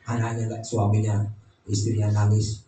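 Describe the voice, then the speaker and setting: A man's voice: lowish voice, monotone, normal speed, noisy background. A man preaching a sermon as pastor, joking and teasing the congregation with acted-out asides. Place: church hall. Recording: echoey church hall, mic at a distance, faint background.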